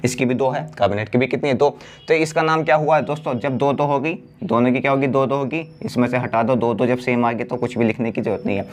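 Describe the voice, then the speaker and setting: A man teaching a class chemistry lesson. He asks the class questions and answers them himself, drawing out the key words slowly. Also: mid-range voice, steady tone. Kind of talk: blackboard lesson.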